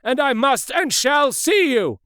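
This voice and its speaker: A man's voice: very high-pitched, very animated, a little slow, fairly bright tone, no room sound, clean studio sound, pitched above the performer's own voice, exaggerated voice. A man voicing a stern middle-aged male lawyer in an audiobook, speaking in a raised, commanding voice. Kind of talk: audiobook character reading.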